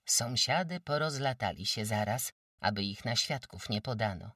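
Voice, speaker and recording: An audiobook narrator telling a rural tale with lively, rising and falling intonation. The sound is dry, with the voice a bit far from the mic. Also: medium pitch, normal speed, no room sound. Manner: lively, expressive storytelling.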